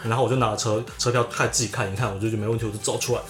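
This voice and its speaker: A man's voice: on the low side, rapid-fire, soft background music. A man, co-hosting a casual podcast and animatedly recounting a story. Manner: animated storyteller, acts out the people in his story. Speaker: podcast co-host.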